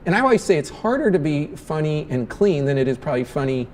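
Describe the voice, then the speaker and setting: A man's voice: a little high, very animated, fast, a little mellow. A man hosting a talk show in a casual, conversational interview style.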